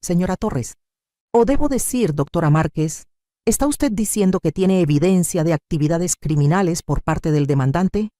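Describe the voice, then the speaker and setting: Stern male judge, read by a woman narrator: formal, measured, lively pitch, mellow tone, storybook. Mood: probing.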